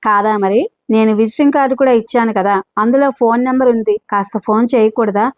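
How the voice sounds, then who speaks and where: Kind older gentleman, a woman reading, gentle, concerned, higher pitch, dry close mic. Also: fairly quick, no echo, natural voice.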